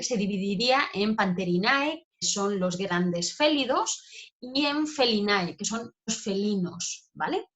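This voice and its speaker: A woman's voice: medium pitch, a bit bright. A woman giving an informal talk over slides as a wildlife educator, chatty and full of check-in tags. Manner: chatty, peppers phrases with "¿vale?".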